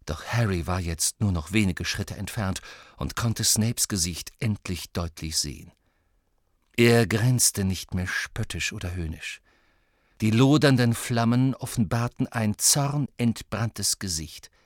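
Brief: male audiobook narrator, unhurried and bright, dry close sound, emphatic. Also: lowish voice, no room sound. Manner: tense, emphatic storytelling. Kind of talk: dramatic scripted narration.

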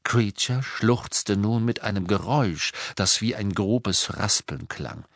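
A male audiobook narrator with a fairly low voice, reading in a measured, even manner. The recording is close and completely dry. It sounds like a studio booth with no room echo. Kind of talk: scripted narration.

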